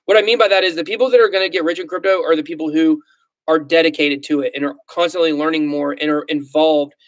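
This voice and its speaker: A thirty-something man with a Southern US accent hosts a livestream, casually reading comments in a rambling, self-deprecating way with lots of ums and likes. His voice is a little high and fast with fairly even intonation, and there's no echo.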